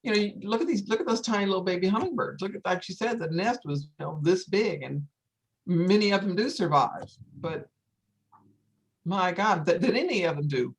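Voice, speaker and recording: The recording is low quality as this older woman, founder of a wildlife sanctuary, leads a story time for an audience. She's earnest, informal and animated, with a medium pitch and normal pace, and she emphasizes points by repeating phrases.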